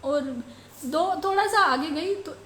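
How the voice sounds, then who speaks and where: A middle-aged woman telling the congregation about a devotional dream, slow and halting as she searches for words. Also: extremely high pitch, a bit bright, a little hiss or hum. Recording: roomy echo.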